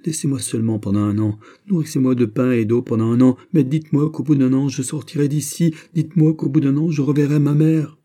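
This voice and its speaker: A man's voice: mid-range voice, steady tone, fairly quick, hardly any pauses, warm tone, pitched above the performer's own voice, lightly acted. A man voicing a desperate eighteen-year-old prisoner who begs in anguish. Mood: pleading. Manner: anguished, begging.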